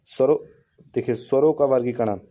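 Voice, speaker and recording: Dark-voiced man teaching a grammar lesson. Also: mid-range voice. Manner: explains each rule twice and restarts with simpler wording; drawn-out sounding of vowel examples. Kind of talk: classroom-style lesson.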